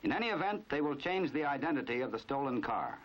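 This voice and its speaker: An American man narrates a 1950s crime training film, telling it in a knowing, dramatic style with a wry, measured mood. His medium-pitched voice is sing-song and fast, and the sound is a dull, band-limited 1950s film soundtrack.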